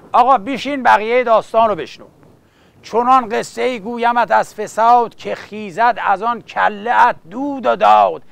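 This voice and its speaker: A man's voice: sits high, gravelly, a bit bright, no echo. A man storytelling in the manner of an epic teahouse bard, theatrically reciting satirical verse and addressing his listeners in asides.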